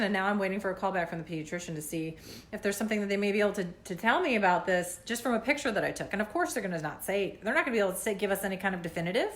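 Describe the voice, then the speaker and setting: A woman's voice: mid-range voice, fairly bright tone. A woman in her thirties vlogging as a mom, talking in an anxious, rambling way with many fillers and a runny nose. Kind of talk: casual vlog rant.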